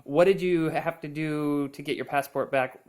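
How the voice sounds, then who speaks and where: A man's voice: fairly high pitch, steady tone, normal speed, a little mellow. A curious man runs a casual interview. He asks short follow-up questions and often repeats the answers back as questions.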